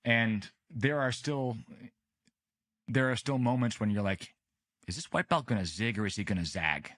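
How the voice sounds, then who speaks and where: A man in his late thirties, a podcast guest telling stories in a relaxed, unhurried way with many restarts. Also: mid-range voice. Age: late 30s. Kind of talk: casual storytelling interview.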